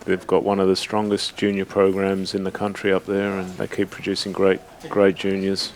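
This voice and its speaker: A man's voice: low-pitched, monotone, moderate pace, slight background noise. A man from Australia commentating a snooker match live, easygoing and prompting his co-commentator.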